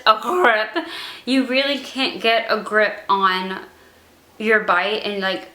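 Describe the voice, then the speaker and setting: A woman's voice: medium pitch, sharp tone, echoey room. A young woman vlogging casually, struggling to pronounce her words after jaw surgery, rambling and self-conscious with many fillers. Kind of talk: casual vlog update.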